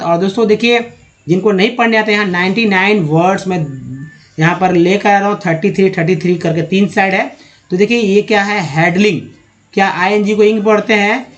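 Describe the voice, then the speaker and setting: A man teaching English spelling and pronunciation from slides, drawing words out slowly one at a time and addressing viewers as friends. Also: high-pitched. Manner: slow, drawn-out word-by-word pronunciation. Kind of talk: slide-based spelling lesson.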